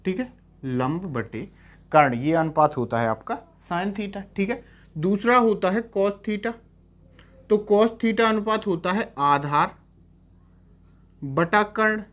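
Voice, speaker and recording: This math teacher speaks slowly, with frequent pauses, in a high, fairly bright voice, lecturing classroom-style in Hindi with English terms. He repeats each key term and keeps asking quick checking questions.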